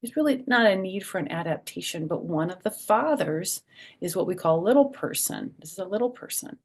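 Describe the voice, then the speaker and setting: At a children's storytime, a woman reads a picture book aloud and adds chatty, simple explanations for her young listeners. Her mid-range voice is husky and creaky, a little mellow, and she speaks briskly and expressively.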